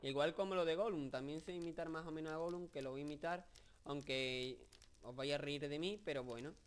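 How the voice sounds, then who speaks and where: A man's voice: a little high, brisk, smooth. Joking young Spaniard narrating his gameplay. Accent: Spain Spanish. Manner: joking, rambling, excitable with many fillers. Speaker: gameplay commentator. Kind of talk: casual video game commentary.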